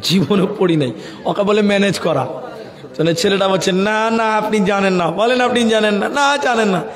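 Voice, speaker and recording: A high-pitched male preacher from Assam with an Assamese Bengali accent, telling animated stories and chanting verses in a sung tone. His voice rings out with a long, echoing reverb, as though carried over loudspeakers to a large gathering. It is a live sermon, delivered with plenty of theatrical voicing. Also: moderate pace. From Assam, India. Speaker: Islamic preacher. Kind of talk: live open-air sermon. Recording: echoey public-address sound with long reverb.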